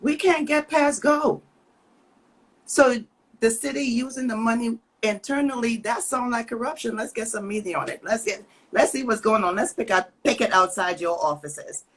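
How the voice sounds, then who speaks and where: A middle-aged woman with a Trinidadian accent, a cannabis business owner and co-host, speaks bluntly and with frustration in a casual livestream chat over a video call. Her voice is fairly high and at normal speed, and the audio quality is poor.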